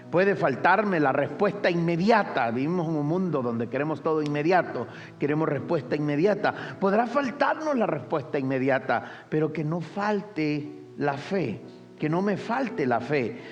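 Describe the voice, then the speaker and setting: A male pastor preaching with a high, lively voice that keeps swinging up and down. He works the room with repeated refrains and calls for the congregation to respond. His voice rings out with the long reverb of a church hall. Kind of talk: sermon. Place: church sanctuary.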